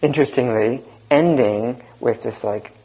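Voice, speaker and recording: Soft-spoken male meditation teacher, gravelly and unhurried, low voice. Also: poor audio. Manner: slow, reflective, soft-spoken with pauses. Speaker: dharma teacher. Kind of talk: group dharma discussion.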